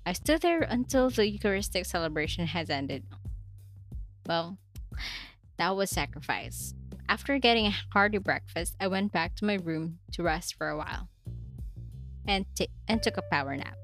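A young woman reads her diary entries aloud in a relaxed vlog. She is chatty and giggly, and she mocks herself between entries. Her voice sits a little low, with faint music behind her. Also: normal speed. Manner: giggly, chatty, self-mocking asides. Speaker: vlogger reading her diary. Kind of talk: casual diary reading.

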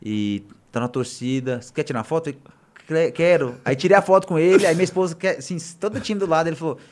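A young Brazilian man with a Brazilian Portuguese accent, a podcast guest telling stories in an animated, slangy way. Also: on the high side, fast talker. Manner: animated, slangy, acts out quotes loudly. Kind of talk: casual storytelling.

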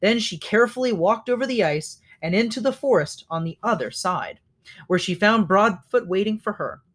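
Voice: mid-range voice, animated, normal speed, fairly bright tone. A reader reading a children's novel aloud, now and then stopping to correct slips.

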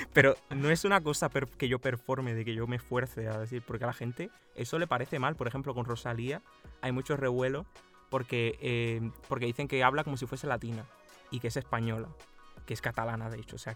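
A young man with a Madrid accent and a Cuban touch chats as a podcast co-host. His voice sits at a mid pitch, and he laughs often and restarts his sentences. Faint music plays behind him. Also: a bit bright. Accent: Madrid Spanish with a Cuban touch. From Cuba, raised partly in Spain. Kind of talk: casual chat.

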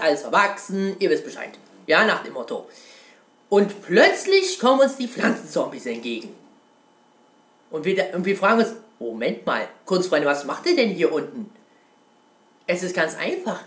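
A man's voice: sits high, a bit bright. Rambling man in a roomy echo. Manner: rambling, keeps calling viewers "Kunstfreunde", swears casually. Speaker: gaming video host. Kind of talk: casual video reply on a video game.

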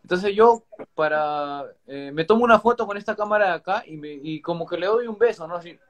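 A man's voice: high voice, a little fast. A young man with a Peruvian Spanish accent, telling an anecdote in a casual, slangy chat full of swearing and fillers. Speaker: livestream co-host. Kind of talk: casual storytelling.

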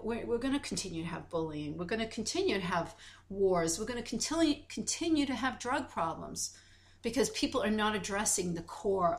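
Woman, podcast co-host, earnest, casual chat, mid pitch, frequent restarts. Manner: earnest, animated storytelling with many restarts.

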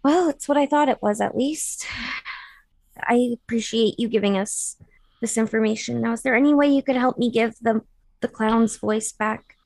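A woman's voice: on the high side, normal speed, creaky, darkish tone, no echo. A woman playing a tabletop game, talking casually as she role-plays in her own voice. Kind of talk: casual in-character role-play.

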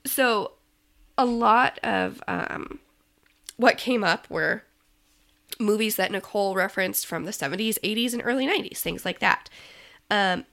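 Chatty woman with a gravelly edge. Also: medium pitch, measured pace, long pauses, fairly bright tone. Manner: chatty, many ums, laughs easily. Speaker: podcast co-host. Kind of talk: casual chat.

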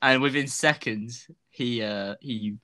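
A man's voice: mid-range voice, takes it slowly, pushed and bright. A young man chatting casually as an interview guest, rambling, laughing and self-deprecating. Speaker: guest, fan video creator.

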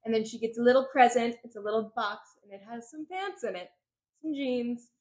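A woman co-hosting a casual book podcast, retelling scenes with lots of "like" and quick quoted lines. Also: on the high side, darkish tone. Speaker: podcast co-host recapping a book. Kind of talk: casual chat.

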